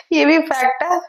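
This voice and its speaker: High-voiced chatty woman cooking at home. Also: slight background noise, low-quality recording. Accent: Jammu. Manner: chatty, devotional asides, mixes English words into Hindi; tries to speak slowly and softly. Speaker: vlogger. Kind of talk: casual cooking vlog talk to camera. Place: home kitchen.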